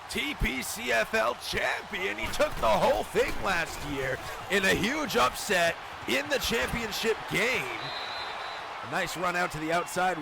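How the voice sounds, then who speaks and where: Male sports commentator for football play-by-play: slow-paced, widely varied pitch, emphatic broadcast delivery. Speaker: play-by-play commentator of a football video game league stream. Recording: clear background noise.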